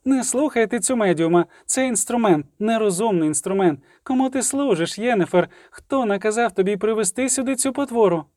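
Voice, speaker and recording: Розлючена горда чаклунка в озвученні чоловіка-читця різко кидає звинувачення високим голосом. Звук темний і сухий, зблизька. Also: male voice, sits high, unhurried, hardly any pauses, warm tone, dry recording, clean studio sound, voice pushed up. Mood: indignant. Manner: heated, protesting. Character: proud, indignant female sorceress.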